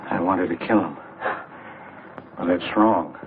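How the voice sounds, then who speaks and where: A man's voice: low voice, slow pace. An actor playing a timid, lovesick older man who stammers as he pleads, in 1940s film noir style. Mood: pleading. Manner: hesitant and stammering. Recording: tinny noisy 1940s film soundtrack.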